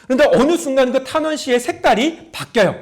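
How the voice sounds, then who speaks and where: Give me a middle-aged male pastor giving a storytelling sermon in a very high, lively voice. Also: quick pace. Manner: storytelling preacher, acts out prayers in a raised voice; talks to the congregation directly, asking them questions.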